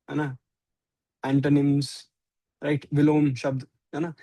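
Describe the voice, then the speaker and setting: A man's voice: a little high, warm tone, dry recording. A man with an Indian accent teaching a scripture class, mixing Hindi and English and often asking "right?".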